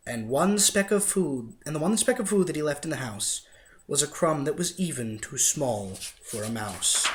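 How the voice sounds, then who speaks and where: A man with a slightly high voice reads a rhyming storybook as a dramatic, theatrical narrator, expressive throughout. There is slight background noise.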